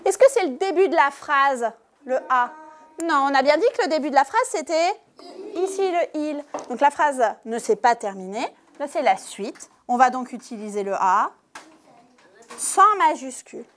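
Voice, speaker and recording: A woman teacher giving a lesson to young pupils in a classroom, speaking slowly and clearly and stressing each syllable. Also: high voice, animated. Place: primary school classroom.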